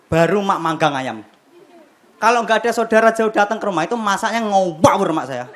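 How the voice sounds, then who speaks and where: A young man performing a stand-up comedy set on a TV studio stage, telling animated stories with acted-out voices and sound effects. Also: sits high, fairly quick. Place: television studio stage with live audience. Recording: noisy broadcast with loud crowd laughter. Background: audience laughter.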